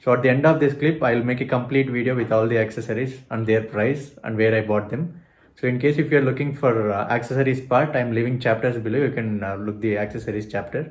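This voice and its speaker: A man's voice: mid-range voice, racing, no room sound. A man with a South Indian accent chatting casually as a motovlogger, in an informal way that often repeats words and phrases. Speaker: motovlogger and channel host. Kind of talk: casual vlog chat. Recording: noisy outdoor motorcycle and traffic sound. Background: motorcycle, vehicles and city ambience.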